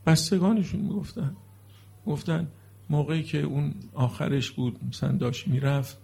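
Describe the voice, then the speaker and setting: A man's voice: on the high side, steady tone, gravelly, mellow, husky. A middle-aged man preaching a religious sermon to a seated congregation, moving from earnest explanation into mournful lament.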